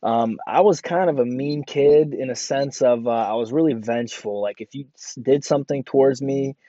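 Young male podcaster born in Ukraine, rambling personal monologue, mellow tone, dry close sound. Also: mid-range voice, moderate pace, no room sound, highs cut off. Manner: rambling, many fillers and restarts. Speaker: podcast host.

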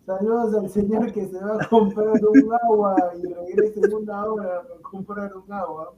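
A man's voice: sits high, flat delivery, normal speed, reverberant, dull audio, a loud crowd. A man hosting a casual sports show, teasing his co-hosts.

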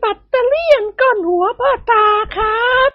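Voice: very high-pitched, animated, normal speed, no echo, highs cut off, voice pushed up. A narrator voicing a mischievous young man who pretends to be a hungry ghost, wailing and squeezing his voice thin in a storybook reading. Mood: whiny pleading.

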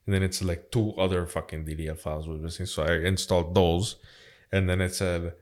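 A man's voice: low-pitched, flat delivery, fairly quick, a little mellow. A man hosting a casual podcast in a slangy, sweary, bro-like way. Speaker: podcast host.

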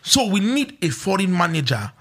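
Male Nigerian football pundit, Pidgin speaker, animated and forceful, repetitive, quick to interrupt. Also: high-pitched, husky.

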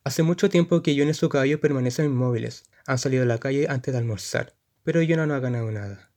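A man narrating a short story in a measured, descriptive reading. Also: medium pitch, a little mellow.

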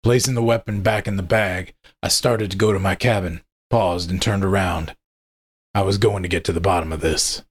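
A man narrating a first-person story in a steady, measured way. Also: sits low, slightly rough.

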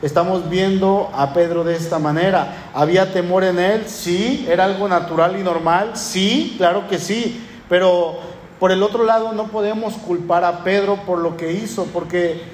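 A man's voice: high voice, steady tone, normal speed, reverberant, a little hiss or hum. A man with a northern Mexican accent, preaching a sermon as pastor, speaking emphatically with rhetorical questions and lists. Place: church.

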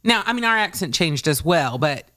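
Measured woman in a dry room. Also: fairly low pitch, very animated, fairly bright tone, no echo. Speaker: guest producer. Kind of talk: casual chat.

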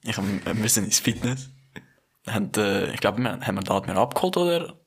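A man's voice: on the low side, expressive, brisk, creaky, slightly rough. A young man with a Swiss German accent telling jokey, slangy stories among friends. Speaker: podcast co-host. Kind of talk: casual chat among friends.

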